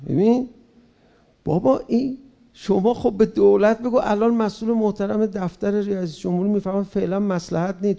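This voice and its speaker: A public speaker delivers an impassioned speech, fervent and rhetorical, frequently posing direct questions to his audience. His voice sits high with a gravelly, creaky grain, and its tone is dark and mellow rather than bright.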